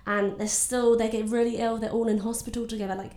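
A young woman with a nasal voice chats openly as a guest in a casual conversation, filling her speech with "like." Her voice is a little high and darkish in tone, with a flat delivery and a quick pace. The room sounds echoey.

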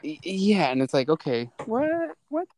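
A young man chats on a casual podcast, rambling and excitable with a string of fillers. His pitch rises and falls in a lively, animated way. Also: moderate pace, no room sound, rough recording. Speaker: podcast co-host.

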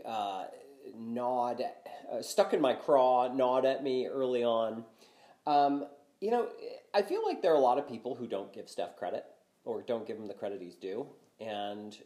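Older man rambling in lively sports talk. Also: mid-range voice. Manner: rambling, many fillers and restarts. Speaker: podcast co-host. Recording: roomy echo.

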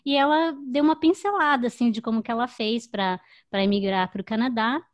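A woman's voice: fairly high pitch, fairly quick. A woman co-hosting a podcast, chatty and explaining at length. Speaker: podcast co-host. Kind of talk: casual podcast chat.

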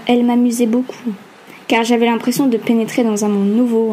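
A woman narrating a first-person novel aloud in an even, steady reading. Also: on the high side, slight background noise. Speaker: audiobook narrator.

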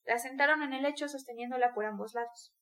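A woman narrating a classic novel aloud in a measured, even storytelling voice. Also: high-pitched. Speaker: audiobook narrator. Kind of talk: scripted literary narration.

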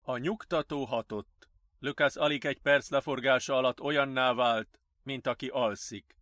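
A man reading an audiobook in even, measured storytelling. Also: medium pitch, dry recording, studio quality. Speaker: audiobook narrator. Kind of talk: scripted audiobook narration.

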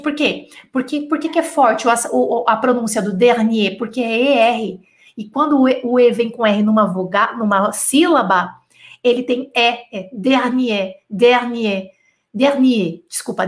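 High-voiced woman teaching French live. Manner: encouraging, chatty, reads viewer comments aloud. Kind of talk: live online lesson.

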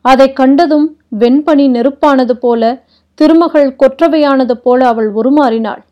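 A woman reads a literary epic aloud, slow and deliberate, lingering on each phrase. Her voice sits fairly high. The recording is dull and lo-fi. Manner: slow, deliberate, dramatic reading. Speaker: narrator. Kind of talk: literary audiobook narration.

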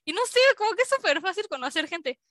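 A woman's voice: very high-pitched, animated, quick pace, fairly bright tone, no room sound. A young woman with a Mexican accent, a scientist telling a story as an interview guest in a chatty way, full of fillers, acting out the dialogue she quotes. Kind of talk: casual storytelling.

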